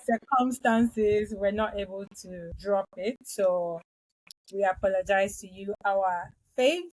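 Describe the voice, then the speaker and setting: A woman's voice: medium pitch, slow pace, darkish tone, rough recording. A woman co-hosting a podcast in casual chat, talkative and laughing easily. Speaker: podcast co-host.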